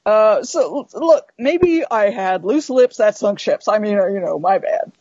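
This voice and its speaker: A woman's voice: medium pitch, expressive, measured pace, darkish tone, no room sound, highs cut off. A woman playing a tipsy, indignant, stammering hotshot in an improvised comic role-play, making excuses. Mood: sheepish, evasive. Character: boozy, defensive, evasive male hotshot pilot and his exasperated princess.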